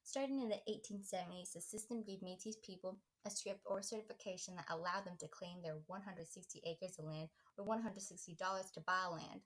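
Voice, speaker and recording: A woman's voice: mid-range voice, steady tone, fairly quick, few pauses, fairly bright tone, close to an everyday voice, rough recording. A woman putting on a Texas accent as a dramatic narrator, reading a scripted history lesson with emphatic delivery. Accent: put-on Texas accent. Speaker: history presenter.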